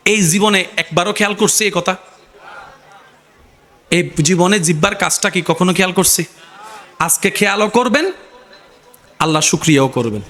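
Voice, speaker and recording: A man preaching a sermon to a crowd, often shouting and calling on the listeners to answer him. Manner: calls on the crowd to respond; often shouts in a high, strained pitch.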